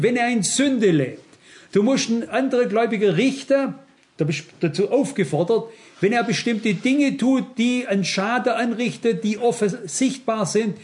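High-voiced man preaching to a congregation. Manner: addresses congregation directly, asks "versteht ihr?"; acts out quoted dialogue in lively asides. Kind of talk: sermon. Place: church before a congregation.

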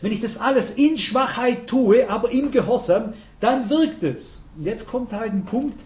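A man's voice: very high-pitched, normal speed, darkish tone. An older man, preaching a sermon in an earnest storytelling way with emphatic rises. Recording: roomy, dull hall recording.

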